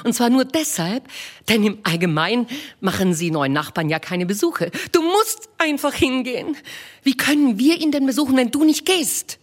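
A woman reading aloud and voicing a fussy, excitable middle-aged mother of five daughters, talking in an eager, insistent way. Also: on the high side, normal speed, voice pushed up. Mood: pleading. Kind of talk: audiobook reading.

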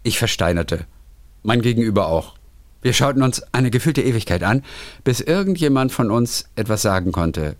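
A man co-hosting a podcast, chatting casually and reading listener stories aloud in an animated way. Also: medium pitch, normal speed, dry recording. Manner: animated storyteller, lively intonation.

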